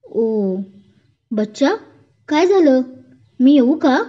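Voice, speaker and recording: A woman's voice: mid-range voice, unhurried, warm tone, close to an everyday voice. A woman reading a storybook romance, voicing a young man who is tender and scolds in jest. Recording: dull lo-fi recording.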